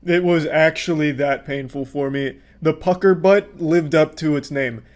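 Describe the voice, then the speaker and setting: A man recounting a painful experience with deadpan, over-the-top exaggeration. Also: a little high, unhurried. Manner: hyperbolic, deadpan storytelling. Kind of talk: recounting commentary.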